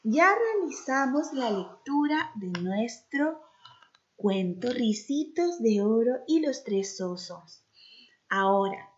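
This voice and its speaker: A woman teacher reading a children's story aloud and then asking the class questions, in a sing-song, expressive way. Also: on the high side. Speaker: primary school teacher. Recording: slightly dull lo-fi recording.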